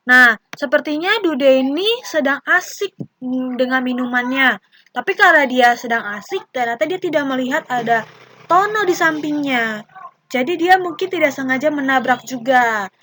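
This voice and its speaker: A woman's voice: high-pitched, expressive, moderate pace, bright, forceful tone, a little hiss or hum. A young woman teacher with an Indonesian accent, patiently explaining a lesson to young children and acting out short example dialogues.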